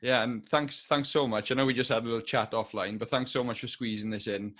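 A man with a strong South Wales accent hosting a podcast in a casual, informal, halting way. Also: mid-range voice, steady tone, a bit bright. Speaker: podcast host. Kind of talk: casual chat, interviewing.

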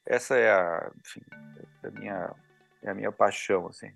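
A man's voice: lowish voice, moderate pace, gravelly, a bit bright, faint music behind. A man speaking as a podcast guest, chatting casually and reflectively over a remote call from his home. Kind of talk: casual chat.

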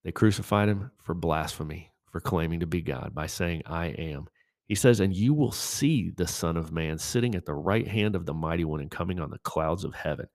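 A man hosting a podcast who teaches from scripture in an emphatic, preaching style and reads verses slowly and deliberately. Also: low-pitched, darkish tone, no room sound, clean studio sound. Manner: emphatic, quoting scripture in a slow measured voice.

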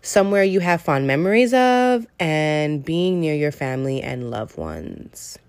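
A woman in her late twenties from the San Francisco Bay Area talks informally and freely on her solo podcast. Her voice sits low for a woman. The recording is dry, with no room sound. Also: sing-song, a little slow, clear, resonant tone, dry recording. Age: late 20s. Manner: chatty, informal, uses slang. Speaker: podcast host. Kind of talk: casual solo podcast chat.

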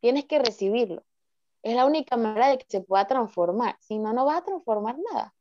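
A woman explains things in a calm, reflective way, sometimes voicing inner thoughts as little quotes. Her voice sits fairly high, and the recording is muffled and lo-fi with a dry, close sound. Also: brisk, no room sound. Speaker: therapist guest. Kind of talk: calm explanatory podcast talk.

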